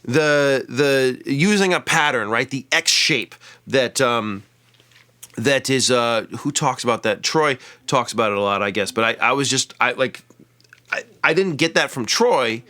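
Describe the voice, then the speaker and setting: In a medium-pitched, pushed and bright voice at a measured pace, a man teaches a casual lap steel guitar lesson. He talks as he plays, explaining along the way and counting out the scale degrees of each lick, with lap steel guitar playing in the background.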